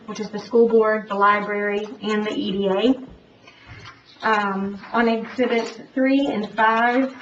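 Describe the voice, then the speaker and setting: A woman speaking through a face mask, giving a formal report presentation as an auditor. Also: a little high. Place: public board meeting room. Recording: echoey room, distant mic, dull, faint noise.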